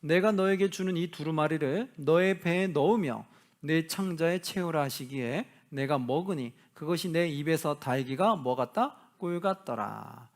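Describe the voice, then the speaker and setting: A male pastor giving a Bible study lecture, reading scripture slowly and asking the class questions that he answers himself. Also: fairly high pitch. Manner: acts out quoted lines of imagined people.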